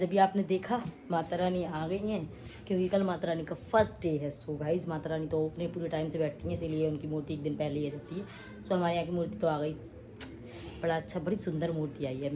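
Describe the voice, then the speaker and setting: A woman in her thirties vlogging casually at home at night, chatty and rambling, her throat slightly hoarse. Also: fairly low pitch, background noise. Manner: chatty, rambling, addresses viewers as guys. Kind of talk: casual chat to camera.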